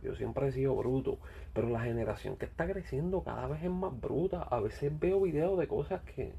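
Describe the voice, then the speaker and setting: A man's voice: mid-range voice, animated, moderate pace, vocal fry, dark tone, husky, muffled recording. A man with a Puerto Rican accent ranting bluntly in casual talk, swearing a lot and repeating himself. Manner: blunt, profane, repetitive ranting. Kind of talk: casual rant.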